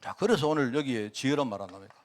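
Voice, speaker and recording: A man's voice: mid-range voice, very fast. A male pastor preaching a sermon in a conversational way, often asking the congregation questions and using dialect turns of phrase.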